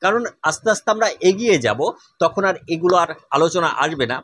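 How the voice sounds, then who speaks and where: Male instructor, slightly raised pitch, husky tone, patient repetition of sounds for learners. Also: lively intonation, a bit bright. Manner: patient, repeats each vowel sound slowly. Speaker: Sanskrit teacher. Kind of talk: spoken lesson on pronunciation.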